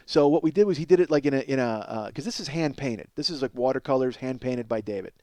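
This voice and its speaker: In a clean, dry studio recording, a middle-aged man with a medium-pitched voice hosts a comedy podcast, talking fast in a rambling, profane, self-deprecating rush and frequently stammering on repeated words.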